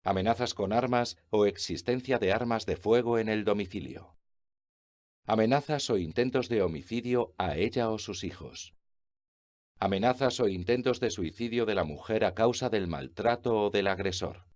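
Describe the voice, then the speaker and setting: A man reading informational text aloud in an even, list-like way. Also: on the low side, normal speed.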